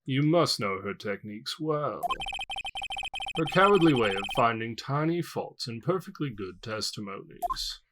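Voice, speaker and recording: A man's voice: mid-range voice, very animated, measured pace, heavy background noise. A man voicing a haughty adult male prosecutor, reading game dialogue in a stiff, dry way. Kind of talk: let's-play dialogue reading. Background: game music.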